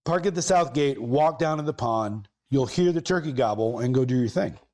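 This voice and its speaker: A man, hosting a podcast and telling a long casual story, rambling and correcting himself as he goes, with lively bursts of emphasis. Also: mid-range voice, normal speed. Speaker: podcast host.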